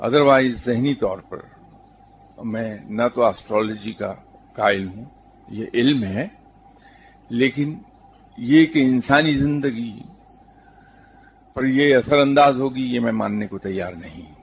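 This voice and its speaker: A man, a spiritual teacher, giving a religious talk in answer to a question, telling stories calmly and at a measured pace, with English terms mixed in. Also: mid-range voice, gravelly, slight background noise.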